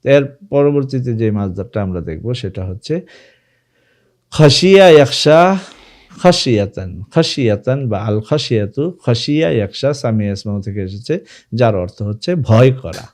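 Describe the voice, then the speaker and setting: A man teaching an Arabic grammar lesson, slowly reciting verb forms one by one and telling the students to pay close attention. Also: medium pitch, animated, a little mellow. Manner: addresses students directly, asking them to pay close attention.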